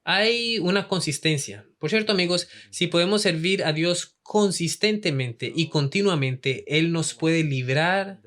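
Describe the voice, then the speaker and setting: Hombre, maestro bíblico, tono un poco alto, pregunta mucho a los oyentes. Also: male voice, a little high, unhurried, few pauses, fairly bright tone. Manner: asks the audience many questions. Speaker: Bible teacher. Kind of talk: Bible study lesson in Spanish.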